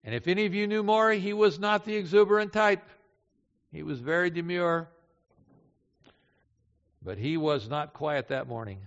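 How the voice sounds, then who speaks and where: Older man, pastor, sermon, storytelling, slightly high voice, dull sound, long hall reverb. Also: moderate pace, long pauses. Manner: storytelling, swings between loud emphasis and hushed low lines.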